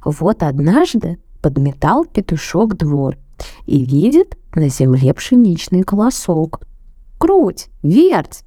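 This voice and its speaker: A woman reading a children's fairy tale aloud in an expressive storyteller's voice. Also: low voice, slow, no echo, clean studio sound. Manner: expressive, animated.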